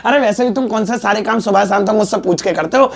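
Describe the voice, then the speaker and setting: A man leads an English lesson with a gravelly edge to his voice. He jokes and teases between explanations and says every example twice, once in Hindi and once in English. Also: high voice, fast. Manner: joking, teasing asides between explanations. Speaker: English teacher. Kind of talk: classroom-style spoken lesson.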